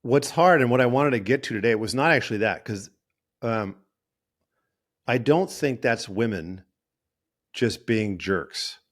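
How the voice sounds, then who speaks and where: A man's voice: medium pitch, expressive, unhurried, pauses often. A male therapist and podcast host talking in a casual, rambling monologue, often correcting himself mid-sentence. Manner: rambling, self-correcting, acts out quoted voices.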